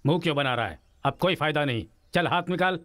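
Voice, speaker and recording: A man's voice: a little high, animated, quick pace, heavy background noise, close to an everyday voice. A man dubbing a doting, joking father in a film, coaxing his small son in sing-song baby talk. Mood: scolding. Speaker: father in a prison story. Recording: film soundtrack with music under. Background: film score.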